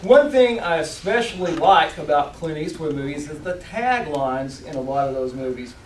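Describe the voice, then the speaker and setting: A man giving a rehearsed motivational speech to an audience, with deliberate, emphatic phrasing and dramatic pauses. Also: on the high side, expressive. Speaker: competition public speaker. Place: indoor room, speaking to a live audience. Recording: roomy, distant mic, faint background noise.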